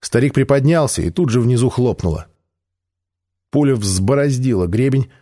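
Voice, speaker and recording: A man narrating an audiobook in the first person, with a measured, even reading. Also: mid-range voice.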